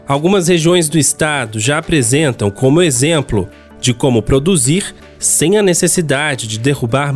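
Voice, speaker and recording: Man, Brazilian accent, radio reporter, scripted news narration, mid-pitched, music bed.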